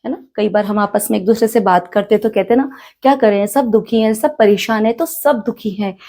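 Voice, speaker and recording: A woman with an Indian accent teaching a spoken English lesson, slowly repeating each phrase and quizzing the learners. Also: medium pitch, warm tone. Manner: slow, repeats each phrase, asks the class questions.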